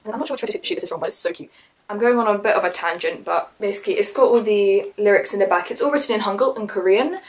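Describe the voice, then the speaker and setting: Chatty excitable teen girl. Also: mid-range voice, racing. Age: teenager. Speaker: vlogger. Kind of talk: casual haul vlog.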